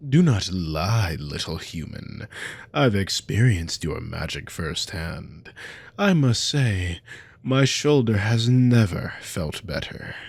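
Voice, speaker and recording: Lord Voss, gravelly cruel naga commander. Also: male voice, sits low, big pitch swings, takes it slowly, no room sound, full character voice. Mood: taunting, sly. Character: cruel, haughty male naga army commander, menacing serpent lord. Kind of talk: scripted ASMR role-play monologue to a captive listener.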